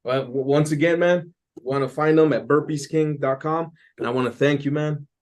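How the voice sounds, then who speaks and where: A man's voice: fairly high pitch, steady tone, normal speed, darkish tone. A man hosting a casual interview, hyped and emphatic, switching between English and Spanish. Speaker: host.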